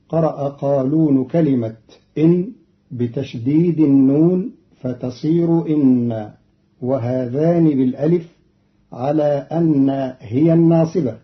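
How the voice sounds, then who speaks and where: A man formally explaining Quran reading variants in a measured, deliberate way, reciting each verse before explaining it. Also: a little high. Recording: dull lo-fi old radio recording.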